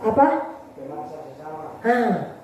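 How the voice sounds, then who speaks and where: High-voiced woman preaching in an echoey church. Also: extremely slow, crowd noise. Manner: storytelling, animated, addressing the congregation. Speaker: pastor. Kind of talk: sermon. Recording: echoey church hall from far off.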